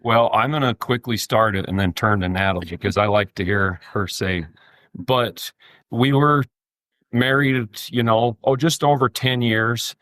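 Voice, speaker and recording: A man in his forties, a podcast guest, speaking in a measured and deliberate way. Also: medium pitch, fairly bright tone, no echo, studio quality. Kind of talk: casual interview.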